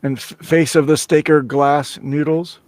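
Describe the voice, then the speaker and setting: Man, slightly high voice, casual stream co-host, joking, teasing, laughing. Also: level tone, measured pace, darkish tone, no echo. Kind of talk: casual livestream chat.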